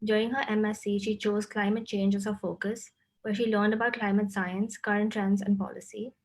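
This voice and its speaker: A woman's voice: mid-range voice, flat delivery, a little fast, a little mellow, low-quality recording. Young woman moderator reading an intro.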